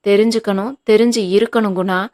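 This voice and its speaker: A woman voicing a stern, sharp-tongued older mother-in-law who scolds in cutting retorts, in an audiobook reading. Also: mid-range voice, steady tone, fairly quick, natural voice. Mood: firm.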